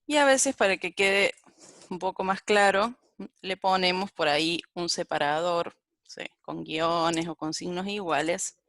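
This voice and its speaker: A woman's voice: fairly low pitch, a little slow, a bit bright, no room sound, clean studio sound. A woman giving a live-coding programming lecture and thinking aloud as she types and corrects herself. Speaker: programming teacher.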